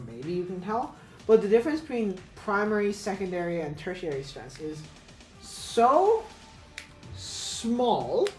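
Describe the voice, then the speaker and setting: Low-voiced woman teaching pronunciation. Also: darkish tone, echoey room, rough recording. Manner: thinks aloud with many fillers and self-corrections. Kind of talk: casual whiteboard lesson.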